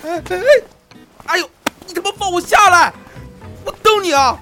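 A woman's voice: high voice, big pitch swings, measured pace, music in the background. A woman voicing a brash, foul-mouthed young man thrown into the past, in a comedic audio drama. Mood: furious. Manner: loud swearing protests, whining and yelling.

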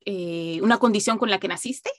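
A woman's voice: mid-range voice, moderate pace. A woman hosting an interview, listening attentively and asking short follow-up questions. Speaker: interviewer, host.

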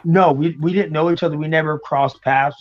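Relaxed, slightly high-voiced man. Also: fairly quick, muffled recording, faint music behind. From United States (New York, raised in Florida). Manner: relaxed, hesitant storytelling with many ums. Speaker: guest. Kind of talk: casual interview chat.

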